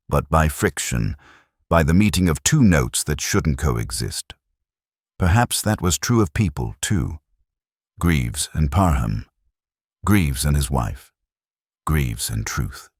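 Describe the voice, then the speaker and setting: In a scripted mystery-drama style, a man voices a melancholy detective recounting his case in the first person, pensive, measured and literary. His extremely low voice rises and falls lively and sounds exaggerated, recorded dry with no room sound.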